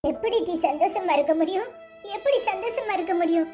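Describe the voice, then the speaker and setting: A woman doing a fretful village mother, shrill. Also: expressive, brisk, warm tone, faint music behind. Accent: Tirunelveli Tamil. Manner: fretful, lamenting. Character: anxious middle-aged village mother.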